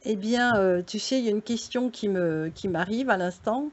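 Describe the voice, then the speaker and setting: A woman's voice: medium pitch, moderate pace, darkish tone, highs cut off. A woman hosting a show, greeting viewers in a chatty way and asking interview questions. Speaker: host.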